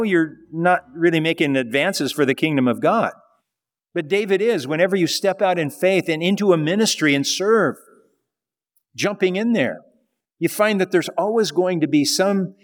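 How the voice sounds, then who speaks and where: Male pastor, conversational sermon, voice a little high, long reverb. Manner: conversational preaching, rhetorical questions.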